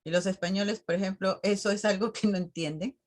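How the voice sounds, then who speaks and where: A woman teacher running an online class, calmly explaining and answering a student's question. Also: mid-range voice, brisk.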